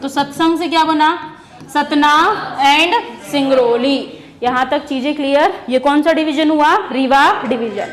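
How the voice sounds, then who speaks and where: A woman teacher giving an exam-prep lesson, asking questions and answering them herself while repeating key words. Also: high-pitched. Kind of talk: exam-prep lesson using memory stories.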